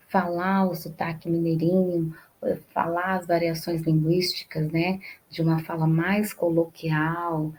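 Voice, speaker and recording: A woman's voice: fairly low pitch, mellow, low-quality recording. A woman teacher explaining class activities step by step, often checking in with "tá bom?" and "né?". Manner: explains step by step, repeating phrases. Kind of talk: remote class lesson.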